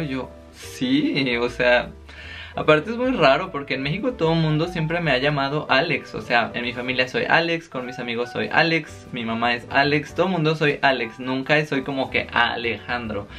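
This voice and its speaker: A young Mexican man with a Mexican accent, chatting casually to his vlog viewers and telling stories. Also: medium pitch. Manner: chatty, animated storytelling with quoted exchanges. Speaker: vlogger. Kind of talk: casual chat. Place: home, living in Paris.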